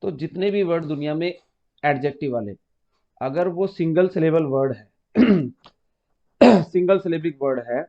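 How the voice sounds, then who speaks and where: The voice here is a little high and animated, with a slightly slow pace and long pauses. A man teaches grammar for an exam, explaining patiently step by step, repeating key terms, and calling students "beta," captured in a muffled lo-fi recording.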